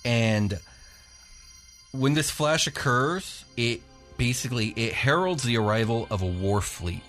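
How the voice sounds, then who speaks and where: A man's voice: mid-range voice, lively intonation, measured pace, fairly bright tone, faint music behind. A man hosting as game master, narrating a tabletop fantasy game in an informal, descriptive storytelling style. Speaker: game master, show host.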